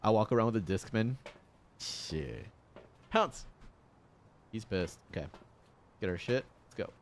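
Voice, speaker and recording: A man's voice: on the low side, lively intonation, unhurried, a little hiss or hum. A man in his thirties streaming a game, chatting casually and jokily, rambling between stories and swearing now and then. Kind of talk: casual gaming stream chat.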